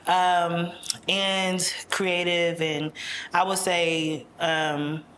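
A woman guest in an interview, talking quickly and casually with lots of fillers. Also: fairly low pitch, level tone, a bit bright. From United States. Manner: quick, chatty, filler-heavy. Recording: echoey room with faint noise.

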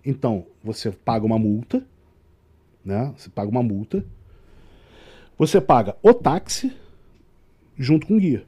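A man's voice: mid-range voice, expressive, normal speed, pauses often, mellow, slightly rough. A man with a Brazilian Portuguese accent, a tour guide guest telling a story in casual chat and acting out the dialogue.

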